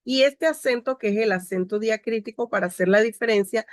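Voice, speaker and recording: A woman's voice: fairly high pitch, a little fast, no room sound, studio quality. A woman teacher giving a grammar lecture over a video call. She explains step by step and cues each slide aloud. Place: home.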